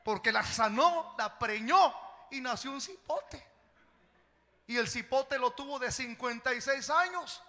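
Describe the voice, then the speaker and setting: A man with a Salvadoran accent preaching an evangelical sermon as pastor, telling stories with animation and sudden shouted bursts in a church hall. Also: very high voice, a little slow. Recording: long reverb of a church hall.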